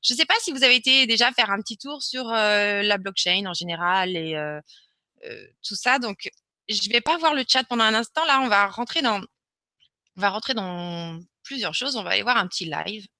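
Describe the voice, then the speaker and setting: A woman's voice: medium pitch, animated, moderate pace, bright, forceful tone, dry recording. A woman presenting a live webinar, talking casually and hesitantly with many fillers and restarts as she answers questions and shares her screen.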